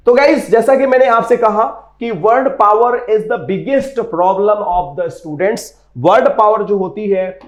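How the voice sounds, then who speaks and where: High-voiced Indian man teaching vocabulary. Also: darkish tone, reverberant. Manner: drills students to repeat words aloud; switches between Hindi and English. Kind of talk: classroom vocabulary lesson.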